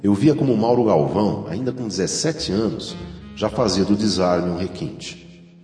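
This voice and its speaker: A man's voice: fairly low pitch, moderate pace, mellow. A man reading a scripted, literary first-person narration. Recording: echoey hall reverb, faint music.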